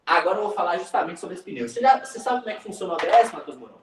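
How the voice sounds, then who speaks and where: A man teaching physics in an online class, lively and joking, speaking with a Brazilian Portuguese accent and calling students by name. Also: high-pitched, rapid-fire, roomy sound, distant mic, a little hiss or hum, poor audio.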